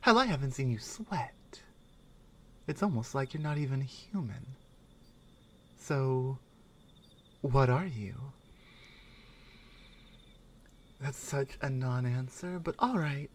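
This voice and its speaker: In a soft, intimate ASMR roleplay, a woman plays a strong, skeptical Nordic warrior companion, musing with pauses and murmured asides in a wry, curious mood. She uses a full character voice that is extremely low-pitched and animated. There's slight background noise.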